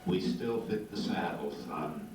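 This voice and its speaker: A man's voice: low-pitched, lively intonation, unhurried. An older man telling casual, folksy anecdotes about ranch life as he comments on old footage. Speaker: ranch old-timer narrating old film. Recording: very echoey, distant, loud background noise.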